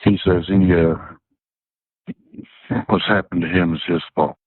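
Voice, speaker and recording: A man speaking through a doorbell camera speaker, with a husky voice and halting, urgent explanations. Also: low-pitched, fairly even intonation, no room sound. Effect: heard through a doorbell camera speaker. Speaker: neighbor. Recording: tinny doorbell camera audio from afar.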